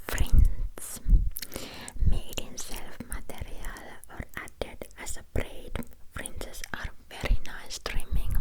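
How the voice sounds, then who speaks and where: A woman reads a book aloud in a soft ASMR whisper close to the ear, halting now and then over words. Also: low-quality recording. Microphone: close ear-to-ear ASMR microphone.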